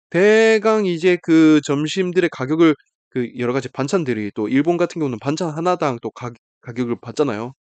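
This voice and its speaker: Guy recapping a manga, super animated, dry close sound. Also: a little high, no echo. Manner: animated storytelling with voiced quotes. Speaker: manga reviewer host. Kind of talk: casual plot retelling.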